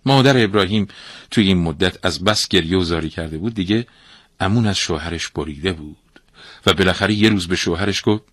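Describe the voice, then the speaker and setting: Male folktale narrator, low husky voice, lively, dry close sound. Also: no echo. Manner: animated, expressive storytelling. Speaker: storyteller.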